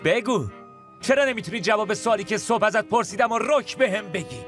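A man's voice: fairly high pitch, sing-song, a bit bright, soft background music. An actor dubbing an exasperated young husband who fires sarcastic, accusing questions at his wife. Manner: sarcastic, accusing, rapid-fire rhetorical questions. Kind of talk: Persian dub of a TV drama.

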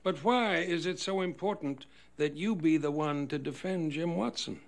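An actor playing a stern, disappointed old patriarch, measured and reproachful, in a period film drama. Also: male voice, a little high, gravelly. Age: older. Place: indoor room.

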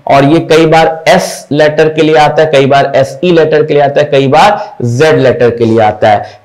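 A man teaching English pronunciation in Hindi, slowly repeating each word to drill the sounds. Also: a little high, rough recording.

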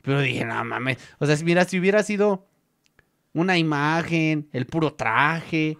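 A man's voice: a little high, unhurried, vocal fry. A young man with a Mexican accent, hosting a casual chat and telling stories in a joking, slangy way. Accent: Mexican Spanish. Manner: slangy, joking, animated storytelling. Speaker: vlog host.

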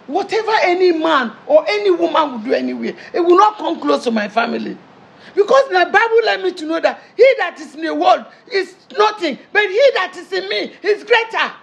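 Performer playing a gravelly Nigerian mama. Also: extremely high pitch, lively intonation, brisk, heavily acted. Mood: reassuring. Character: pushy Igbo mother of the bride, loud and preachy. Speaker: mother-in-law character. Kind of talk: comedy skit acting.

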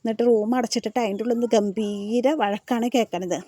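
A woman retells a TV serial episode in a rapid, chatty voice. She speaks fairly high and very fast. Her delivery stays casual and storytelling throughout. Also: fairly even intonation, mellow, no echo. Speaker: serial recap narrator.

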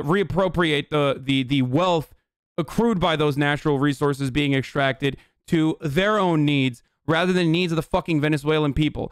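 A man in his thirties from Turkey streams heated political commentary from an indoor room at home, ranting bluntly and swearing freely. His boom-arm studio mic gives a clean tone and a dry recording.

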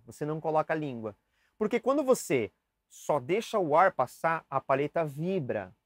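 A young man with a slightly high voice teaches saxophone basics casually and chattily, demonstrating and speaking directly to the viewer. The recording has no room sound and uses camera mics, switching between cameras.

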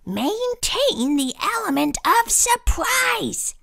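A woman's voice: very high-pitched, sing-song, vocal fry, a bit bright, pitched above the performer's own voice, exaggerated voice. Woman voicing a stern monster teacher. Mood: stern, instructive. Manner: instructive, stern, measured. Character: strict long-necked male monster teacher.

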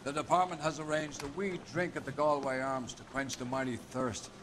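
An actor playing a middle-aged Irish police captain in a video game, brisk and wry, with a lilting, leprechaun-like delivery. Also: male voice, medium pitch, fairly even intonation, noisy background, close to an everyday voice. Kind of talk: scripted video game briefing.

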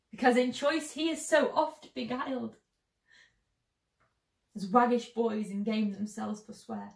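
Woman as lovelorn young tragic heroine, sorrowful classical stage verse, higher-pitched, roomy sound. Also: distant mic. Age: young adult. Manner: sorrowful, measured, theatrical delivery with long pauses. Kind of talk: dramatic classical Shakespeare monologue. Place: small bedroom, indoors. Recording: roomy echo.

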